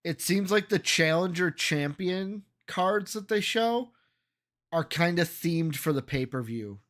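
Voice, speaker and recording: A man's voice: high voice, animated, measured pace, fairly bright tone. A man from Chicago co-hosting a live reaction stream, rambling in casual banter with lots of fillers. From Chicago, USA. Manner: rambling, hesitant, frequent fillers. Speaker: co-host.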